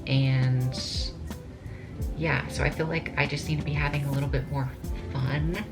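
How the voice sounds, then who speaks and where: A woman's voice: a bass voice, fairly even intonation, measured pace, over music. A woman in her late twenties, a bikini competitor, chatting casually and ramblingly to camera with lots of filler words. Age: 20s.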